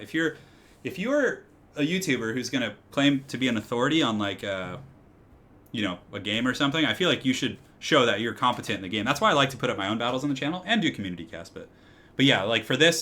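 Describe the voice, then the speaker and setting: Live-casting a strategy game tournament, a man talks with his viewers in a medium-pitched voice that's slightly raspy and growing hoarse. He gets excitable and bursts into loud exclamations now and then.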